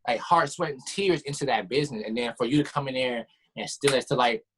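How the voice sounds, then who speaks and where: Husky young man, halting and heartfelt. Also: mid-range voice, fairly bright tone, poor audio. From San Francisco Bay Area. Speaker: panel guest. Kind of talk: casual discussion.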